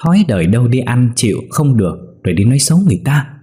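A man voicing a crafty young daughter-in-law who needles her mother-in-law in a sly, brisk voice. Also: medium pitch, big pitch swings, mellow, faint music behind, pitched above the performer's own voice, lightly acted. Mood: brisk retort.

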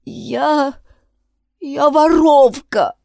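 Woman reader playing a high, tearful teen schoolgirl, pleading, dry close read. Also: drawn-out words, gravelly, warm tone, no room sound, heavily acted. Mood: confessing. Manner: pleading, sobbing outbursts. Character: distraught teenage schoolgirl, guilty and tearful. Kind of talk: audiobook character voicing.

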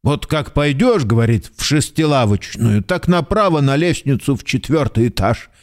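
A man's voice: mid-range voice, expressive, lightly acted. A man doing a sly, tipsy old-style servant. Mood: droning. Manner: slow, droning drawl with repeated "he says". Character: stubborn, tipsy manservant, sly and evasive. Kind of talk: literary radio drama.

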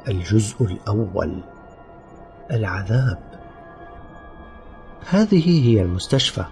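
A man giving a grave, dramatic reading of a dark story as an audiobook narrator. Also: mid-range voice, muffled recording. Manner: grave storytelling, sometimes voicing characters.

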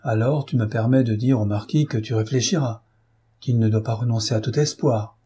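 A man's voice: medium pitch, moderate pace, dark tone, husky. A man reading as an eager caring lady friend. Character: married woman, warm, eager, caring friend.

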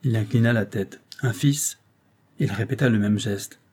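A man reading a classic novel aloud in a measured literary style. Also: fairly low pitch, steady tone, a little mellow. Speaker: audiobook reader. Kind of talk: scripted narration.

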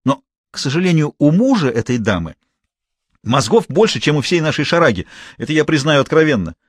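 A scornful, irritable crime boss barks orders and lectures his henchman, voiced by a man reading the story. The voice rides up high and swings widely, recorded dry and close. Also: big pitch swings, a little fast, no echo.

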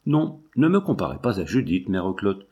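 A man's voice: on the low side, big pitch swings, moderate pace, a little mellow, slightly rough, exaggerated voice. A man reading the lines of a proud, desperate young noblewoman with a harsh, hard voice. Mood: fierce.

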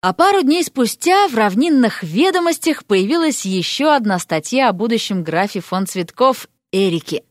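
A woman narrating an ironic fairy-tale audiobook in a lively, storytelling manner. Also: a little high, normal speed, hardly any pauses, no echo, clean studio sound.

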